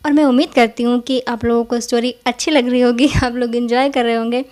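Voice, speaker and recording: An upbeat, chatty woman opening her channel's video with a friendly greeting. Her voice is a little higher than most. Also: steady tone, fast talker, darkish tone. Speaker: channel host.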